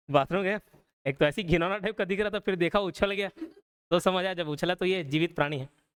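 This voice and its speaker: A young man with a high, clear, ringing voice teaches a live online class. He explains in a relaxed, chatty way and keeps checking in with listeners, asking whether they are following. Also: brisk. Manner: casual explanatory, checks in with frequent "okay?". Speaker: online exam-prep teacher.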